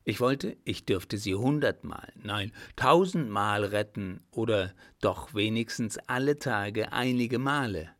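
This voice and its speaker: A man's voice: on the low side, lively intonation, slow pace, few pauses, fairly bright tone. A man reading aloud voices a courteous, devoted young working man who speaks eagerly and politely.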